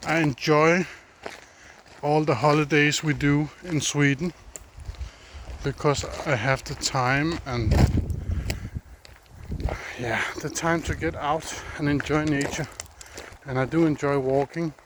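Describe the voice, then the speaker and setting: A Danish man speaking English as a second language, with a Danish accent, casually vlogs while walking a forest trail, thinking aloud and sometimes searching for words. His voice is fairly high and fairly bright, steady in tone, slow with long pauses. It's an outdoor recording on a handheld phone with clear background noise.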